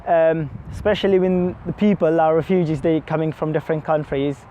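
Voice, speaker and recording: An eighteen-year-old man from Afghanistan, a student, speaking hesitantly with many pauses. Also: a little high, fairly even intonation, mellow, muffled recording, slight background noise. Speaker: student and care leaver. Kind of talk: interview to camera.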